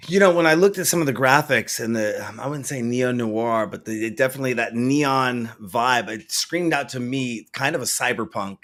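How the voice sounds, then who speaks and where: A man's voice: medium pitch, normal speed, few pauses, a bit bright. Male host with meandering questions. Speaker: interviewer host. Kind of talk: casual interview.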